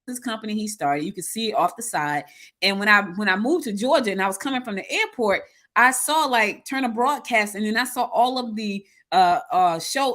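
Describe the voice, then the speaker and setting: Chatty woman hosting an interview. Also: mid-range voice. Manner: animated storyteller, many restarts. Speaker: interview host. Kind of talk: casual interview chat.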